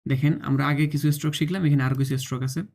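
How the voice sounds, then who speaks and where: A Mandarin teacher, giving an online lesson, repeating each sound slowly, showing tongue and breath, and often asking whether the learner follows. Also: mid-range voice, level tone, a little mellow. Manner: drills sounds by slow repetition, often checks understanding; demonstrates tongue and breath on camera.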